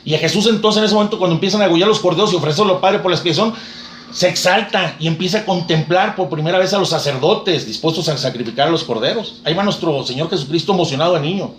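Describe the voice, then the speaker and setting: Preacher, fast and fervent, slightly high voice. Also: male voice, fairly bright tone, reverberant, slight background noise. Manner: fervent storytelling, quotes scripture. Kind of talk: sermon retelling scripture.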